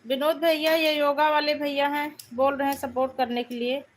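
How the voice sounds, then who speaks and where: A livestream host reads viewers' comments aloud, greeting and thanking each one in turn in a friendly, repetitive way. Her voice is high-pitched with a flat delivery at a moderate pace, and there's a little hiss or hum.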